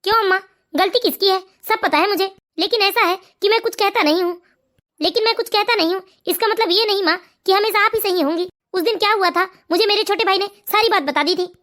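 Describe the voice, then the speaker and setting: Someone voicing a fast-talking cartoon husband. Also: very high-pitched, sharp tone. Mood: firm. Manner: pleading, hurried questions. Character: earnest grown son and husband. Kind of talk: animated cartoon voice acting.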